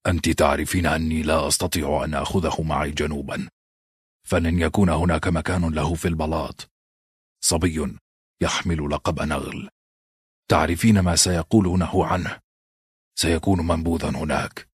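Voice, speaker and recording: A grave, brooding lord voiced by a man in an audiobook, very deep and slow. His speech is heavy and troubled. The husky voice sits close and dry. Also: no room sound, exaggerated voice. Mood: pleading.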